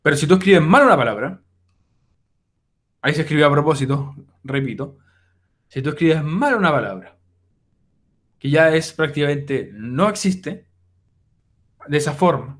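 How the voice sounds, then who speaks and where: A young male teacher walks students through a recorded online class. His voice sits a little high, and his delivery is casual and direct, with frequent "eh" fillers. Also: animated, moderate pace, pauses often, fairly bright tone.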